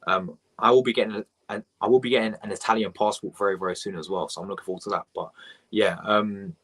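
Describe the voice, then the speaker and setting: A young man talks in a low voice, hosting a live match reaction stream. He rambles excitably and chats back and forth with his viewers. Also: fast talker. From England. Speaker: fan channel host.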